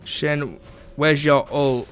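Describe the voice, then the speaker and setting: A man's voice: fairly high pitch, fairly even intonation, very slow, a bit bright, slight background noise. A young man giving casual, chatty commentary over his own gameplay, sarcastic about his teammates and dropping frequent ums.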